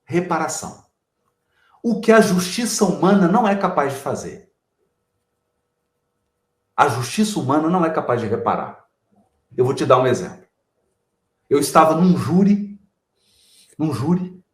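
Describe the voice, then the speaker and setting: A man, a guest giving a didactic spiritual talk with animated explanations. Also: fairly high pitch, moderate pace, pauses often, echoey room. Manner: animated explaining, addresses the host by name. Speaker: guest speaker.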